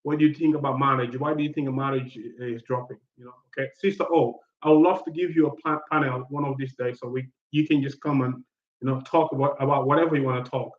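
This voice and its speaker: A man hosting a live panel stream, speaking in a halting way with many fillers and repeated words. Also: mid-range voice, steady tone. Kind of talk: casual live panel chat. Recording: echoey muffled stream audio.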